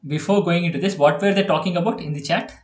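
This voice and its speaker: A man's voice: high-pitched, fast. Man, Indian English accent, coding tutor, laughs often, echoey room. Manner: chatty, laughs often, repeats okay and yeah. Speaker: programming tutor. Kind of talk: online one-on-one coding lesson.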